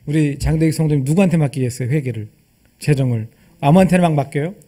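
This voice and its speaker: High-voiced man preaching a sermon. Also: quick pace, warm tone, husky. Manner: asks the congregation rhetorical questions; acts out quoted dialogue. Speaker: pastor. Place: church service.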